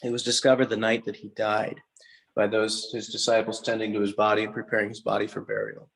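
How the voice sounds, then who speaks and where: A man giving an informal guided tour inside a cathedral, explaining things reverently and haltingly, often pausing mid-sentence. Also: fairly low pitch, level tone, creaky, fairly bright tone, low-quality recording.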